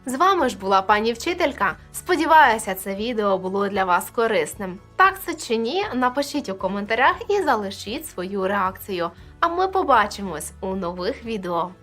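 A woman's voice: medium pitch, sing-song, normal speed, few pauses, fairly bright tone, faint music behind. A woman teacher explaining poetic meter in a video lesson, addressing viewers directly and counting syllables aloud.

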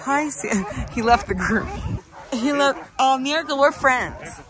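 A woman's voice: sits high, expressive, a little slow, a crowd in the background. A woman vlogging at a glacier dog camp, exclaiming and cooing at the sled dogs. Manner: gushing, exclaims often, coos at dogs. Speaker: travel vlogger. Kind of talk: excited travel vlog narration. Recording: outdoor wind and dog noise.

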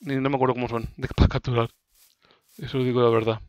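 A man's voice: medium pitch, little pitch movement, fast talker, darkish tone. A man with an accent from Spain doing casual let's play commentary, playfully talking to game creatures and repeating his words. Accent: Spanish (Spain). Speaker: gaming video host.

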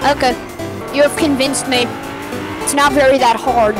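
A woman chattering excitedly and trash-talking a teammate while playing a video game. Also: high voice, moderate pace. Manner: excitable, playful trash talk. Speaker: gamer streaming with a friend. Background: game music.

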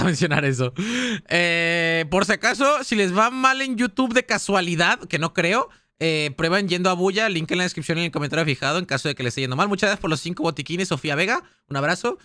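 A Mexican man streaming a survival horror game live, chatting excitably and casually with his viewers in slangy speech. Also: sits high, fairly quick, no echo. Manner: chatty, excitable, slangy, talks straight to chat. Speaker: gaming streamer. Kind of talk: live gaming commentary.

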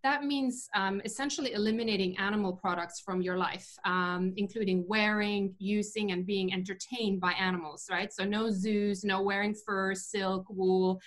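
A woman's voice: medium pitch, fairly even intonation, moderate pace, hardly any pauses. A woman, a chef speaking as an interview guest over a video call, thoughtful and full of fillers and restarts. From Norway. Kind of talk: casual interview talk. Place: home room indoors.

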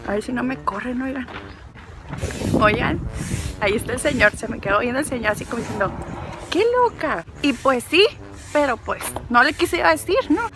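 Walking in an outdoor park, a Mexican-accented woman chats playfully and rambles to the camera and herself. Her voice is on the high side and fairly quick, heard over music.

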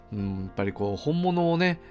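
A man's voice: on the high side, darkish tone. A middle-aged man giving a casual solo film review, chatty and full of conversational asides.

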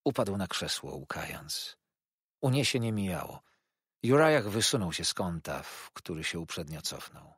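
Male narrator, low husky voice, lively dramatic delivery, dry close mic. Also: normal speed, no room sound. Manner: dramatic, animated reading. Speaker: audiobook narrator. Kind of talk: expressive audiobook narration of a classic novel.

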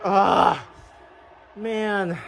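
A man's voice: high voice, steady tone, drawn-out words, creaky, raised voice, a crowd in the background. A young man reacting casually to a game in outraged disbelief, with exasperated exclamations. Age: young adult. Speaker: sports fan reacting to a game. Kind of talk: live reaction vlog, casual. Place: small room at home, indoors. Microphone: phone or laptop close in front.

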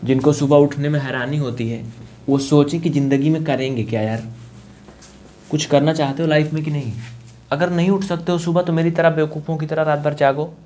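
A man's voice: a little high, dark tone. A young man with an eastern Uttar Pradesh Hindi accent teaching a live online maths class, chatty and coaxing, often asking students to answer.

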